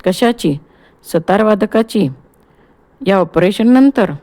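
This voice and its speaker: A woman's voice: mid-range voice, takes it slowly, dark tone, close to an everyday voice. A woman voicing a cold, needling young man in an audiobook play reading. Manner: cool and needling.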